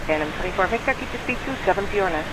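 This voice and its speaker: A woman working as an air traffic controller, giving brisk, procedural instructions in clipped radio phraseology. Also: medium pitch, animated. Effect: aviation radio. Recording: very noisy aviation radio transmission.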